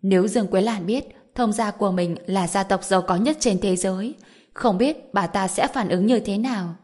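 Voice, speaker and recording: A woman reading a web novel audiobook in a steady, even narration. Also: mid-range voice, moderate pace.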